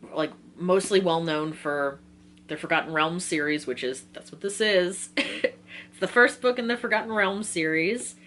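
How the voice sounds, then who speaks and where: In a medium-pitched voice that sounds pushed and bright, a young book vlogger in her twenties chats informally with viewers about her book list. She is giggly and frequently interrupts herself, with slight noise in the background.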